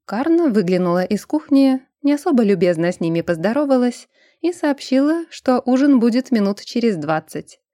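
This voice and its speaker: A woman narrating a fantasy novel as an audiobook in a steady storytelling manner. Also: on the high side, normal speed, no room sound, studio quality.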